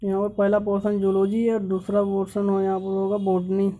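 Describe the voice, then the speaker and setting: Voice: medium pitch, completely flat delivery, a little fast, dark tone. A teacher on a video channel reads out an exam syllabus topic by topic and stops to point out mistakes in it. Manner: lists topics one by one, stopping to correct errors. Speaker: YouTube teacher.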